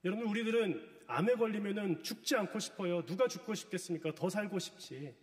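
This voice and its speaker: A man's voice: high voice, expressive, a little fast. A middle-aged man preaching a sermon, telling a story with feeling and asking his listeners questions. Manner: storytelling, retelling a drama with emotion. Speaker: pastor. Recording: long hall reverb.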